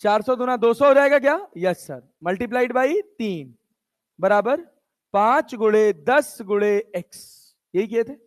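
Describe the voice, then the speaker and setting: A man's voice: very high-pitched, unhurried. A male physics teacher lecturing a class, coaxing and teasing his students and scolding them casually.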